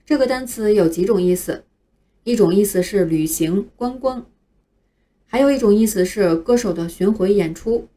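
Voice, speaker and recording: A woman's voice: medium pitch, warm tone. A woman teaching English pronunciation in a scripted phonics lesson, carefully spelling out each word letter by letter. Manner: slow, careful spelling out of words.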